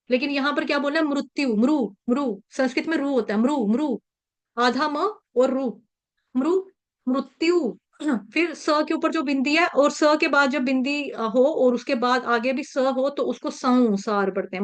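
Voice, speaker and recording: A woman with a high voice leads an online class over a video call and teaches how to pronounce a verse. She is patient and breaks words into syllables, saying each one several times. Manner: patient, repeats syllables slowly to drill pronunciation. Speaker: Sanskrit verse recitation teacher.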